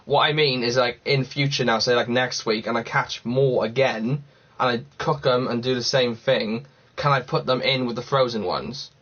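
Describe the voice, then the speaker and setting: A man's voice: mid-range voice, moderate pace, few pauses, a bit bright. Chatty man from Cardiff on a livestream. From Cardiff, Wales. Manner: chatty and rambling, thinks aloud. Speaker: livestream host. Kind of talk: casual livestream chat answering viewer comments. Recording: slightly dull lo-fi sound.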